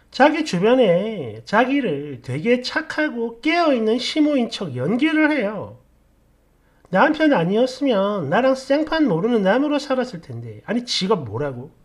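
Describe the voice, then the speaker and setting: A woman telling a story in a casual, blunt and sarcastic way, with an animated delivery. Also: a little high, a little slow.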